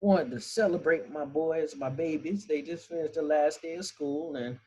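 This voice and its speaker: A man voicing his elderly Baptist grandmother, flustered, polite and pleading, in a soft voice. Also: a little high, normal speed, a little hiss or hum, natural voice.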